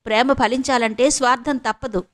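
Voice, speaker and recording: A woman's voice: fairly high pitch, fairly even intonation, a little fast, natural voice. A woman voicing a blunt, scolding friend. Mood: lecturing. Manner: firm, cutting, lecturing.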